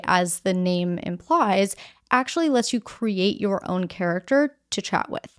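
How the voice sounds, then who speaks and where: A woman's voice: medium pitch, smooth. A woman hosting a news podcast, explaining the day's stories in a conversational, direct way and walking through them step by step.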